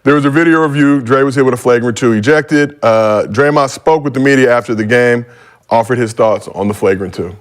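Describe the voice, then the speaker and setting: A man's voice: mid-range voice, a little fast. A man hosting a sports podcast, moving topics along with jokey setups. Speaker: podcast host. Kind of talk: casual sports chat.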